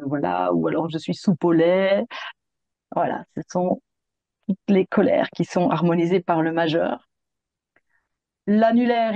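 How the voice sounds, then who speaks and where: A woman practitioner gently explaining a relaxation practice, hesitating often as she goes. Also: fairly low pitch, dry recording, highs cut off. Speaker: Jin Shin Jyutsu practitioner.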